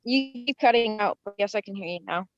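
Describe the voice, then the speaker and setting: A woman's voice: medium pitch, brisk, no room sound. A woman on a remote video call giving short, hesitant replies, her audio glitching and cutting out. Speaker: tenant at an eviction hearing. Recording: dull lo-fi remote call line.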